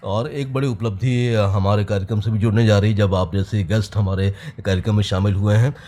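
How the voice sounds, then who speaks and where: A man's voice: on the low side, steady tone, fairly quick, warm tone. A man hosting an interview, asking questions in a formal, courteous way. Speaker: interview host.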